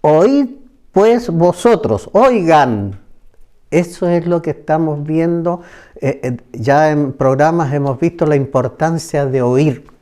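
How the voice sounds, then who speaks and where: Male preacher for a Bible study program, unhurried, mellow, repeats key phrases. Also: a little high, animated. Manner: slow, emphatic, repeats phrases.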